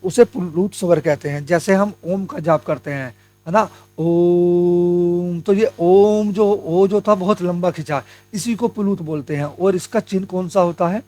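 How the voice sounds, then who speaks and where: High-voiced Hindi grammar teacher. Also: male voice, normal speed, a little mellow, no echo. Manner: explains step by step, asks and answers his own questions; addresses viewers as friends. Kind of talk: exam-prep lesson.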